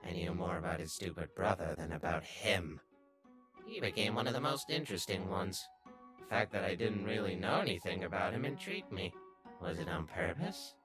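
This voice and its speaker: Over music and through poor audio, a performer gives a low, animated voice at a moderate pace to a sly little talking flower in a comic dub. The flower is obsessively curious, brooding and easily exasperated, scheming one moment and bursting into exasperated outbursts the next, across both narration and dialogue.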